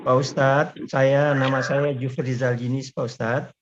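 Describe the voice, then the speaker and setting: A man's voice: mid-range voice, little pitch movement, moderate pace, a little hiss or hum. A man calling in with a polite, deferential question over call audio that keeps breaking up. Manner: polite, deferential, keeps repeating the respectful address. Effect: choppy call audio that keeps breaking up. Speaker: caller asking a question. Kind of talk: question in an online Q&A. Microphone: remote call. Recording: dull lo-fi call line.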